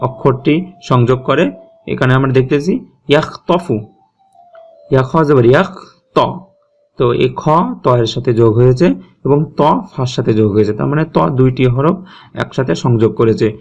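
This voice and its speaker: Patient man teaching letter sounds slowly. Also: medium pitch, muffled recording. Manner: patient, repeats sounds slowly, checks in with "okay?". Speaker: Quran recitation teacher. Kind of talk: step-by-step tajweed lesson.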